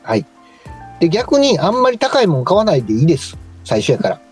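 A man's voice: on the high side, wildly swooping pitch, fairly quick, breathy edge, soft background music. A man with a Kansai Japanese accent giving a polite, informal explanatory talk as a radio co-host and stylist. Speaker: co-host, stylist and tailor shop manager.

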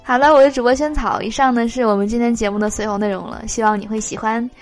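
A woman podcast host reading out jokes in a lively way, laughing between them. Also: fairly high pitch, fast talker, soft background music.

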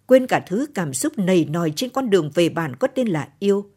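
A wounded, bitter young highland woman in a radio storybook, voiced by a woman narrator. Her voice is low and husky and a little firmer than the plain narration. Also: sing-song, a little fast, dark tone.

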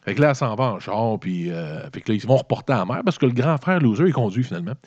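The speaker is a man with a Québécois French accent, medium pitch and a fast pace, telling a movie's story in a rambling, comedic, profanity-laced way. He sounds animated and colloquial, and the lo-fi recording is dull and dry with no echo.

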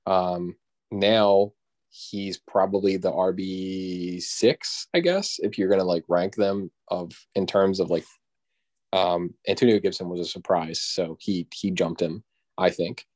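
A man's voice: deep voice, unhurried, a little mellow. A young man in casual sports chat, hesitant and filler-heavy, hedging his points. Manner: hesitant, full of "um" and "like", laughs often. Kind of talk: casual fantasy football chat.

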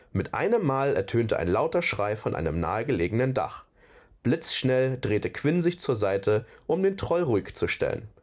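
A man with a fairly low voice reading a fantasy novel aloud. His narration is expressive, rising and falling a lot as he tells the story. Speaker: audiobook reader.

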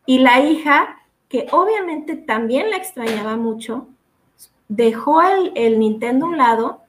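A woman's voice: sits high, animated, a little slow, slight background noise. Mexican woman psychologist telling a story. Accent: Mexican Spanish. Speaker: psychologist guest. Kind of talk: casual interview chat.

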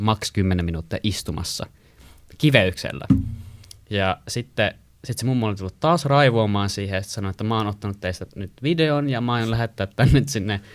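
A man's voice: fairly low pitch, dry recording. Rambling young man telling a story. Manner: rambling, many fillers, animated when quoting. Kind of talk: casual storytelling chat.

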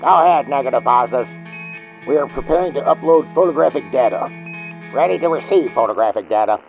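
A man's voice: medium pitch, lively intonation, brisk. A man playing astronauts and mission control trading clipped calls over a breaking-up space radio transmission. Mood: urgent. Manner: clipped radio call-and-response. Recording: dull lo-fi radio sound with music behind.

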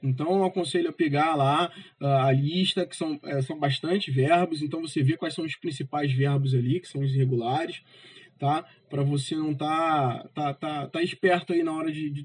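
A man's voice: a little high, breathy edge, low-quality recording. A male English teacher giving a casual grammar lesson, ending almost every phrase with "tá?" and stressing syllables of English example words. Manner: casual, repeats "tá?" as a check after nearly every phrase.

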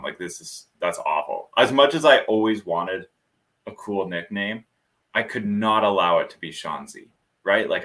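Deep, bright-toned man chatting. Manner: animated storyteller, laughs often. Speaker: podcast co-host. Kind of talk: casual chat.

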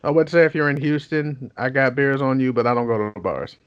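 A man's voice: mid-range voice, brisk, dry recording. A man from Oakland co-hosting a casual podcast, teasing and joking crudely with his friends. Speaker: podcast co-host. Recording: dull lo-fi sound.

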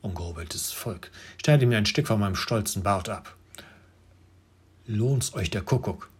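A man's voice: expressive, measured pace, slightly rough. A man voicing a grumpy, ungrateful little male dwarf who snarls and shrieks his complaints in a storybook reading. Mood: grumbling. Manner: scolding, shrill and snarling.

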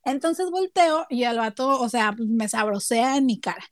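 A young woman with a Mexican accent in casual chat, lively and crude, laughing easily. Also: fairly high pitch, normal speed.

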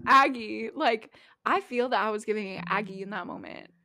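A young woman co-hosting a casual podcast, telling stories in an animated, giggly way on a close mic. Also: mid-range voice, normal speed. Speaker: podcast co-host. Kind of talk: casual chat.

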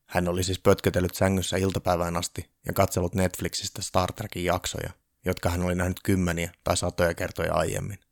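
Man, deep voice, gravelly, deadpan storyteller, dry close recording. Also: dry recording. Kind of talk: reading a humorous Christmas story.

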